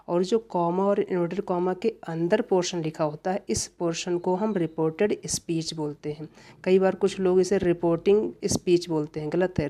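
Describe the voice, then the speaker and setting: A male teacher giving an online grammar class lecture, often repeating reminders as his voice drops softly at the end of phrases. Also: high voice.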